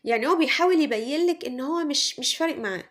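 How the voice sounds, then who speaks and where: A woman's voice: sits high, animated, very fast, fairly bright tone. A woman with an Egyptian Arabic accent gives a tarot reading straight to the listener, repeating her points and acting out what others say. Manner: repetitive, speaks straight to the listener, acts out quoted lines. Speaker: tarot reader. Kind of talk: tarot reading monologue to the viewer.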